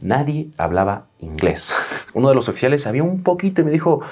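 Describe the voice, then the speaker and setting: A young man tells his travel story with real drama, and his pitch swings widely from line to line. He sounds like a vlogger speaking straight to his viewers. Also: brisk, breathy edge. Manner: animated, dramatic retelling. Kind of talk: storytelling vlog.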